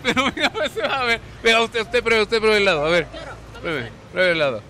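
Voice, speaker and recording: A TV host in his thirties with an Ecuadorian Spanish accent presents on location, handheld mic in hand, moving between a hotel kitchen and the street amid traffic and street ambience with some chatter behind him. His high voice is very animated, a little fast and sharp-toned. He's playful and coaxing and often repeats words.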